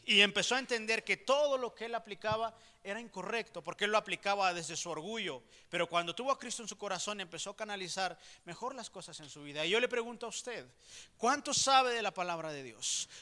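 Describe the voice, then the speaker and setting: Emphatic Mexican preacher in a hall. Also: male voice, high voice, bright, forceful tone. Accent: Mexican Spanish. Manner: emphatic preaching, direct questions to the congregation. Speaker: pastor. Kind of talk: sermon. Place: church hall. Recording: reverberant church hall.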